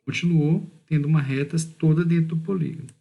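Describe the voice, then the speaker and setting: A man with a Brazilian Portuguese accent, teaching a recorded math lesson and explaining step by step, drawing out key words slowly and checking in with "beleza?". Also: on the high side, steady tone, vocal fry, muffled recording.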